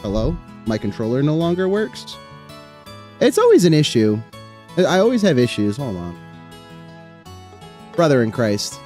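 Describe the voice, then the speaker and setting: A man's voice: medium pitch, huge pitch swings, moderate pace, pauses often, darkish tone, faint music behind. A young man chatting casually on a live stream, rambling with lots of fillers and casual swearing.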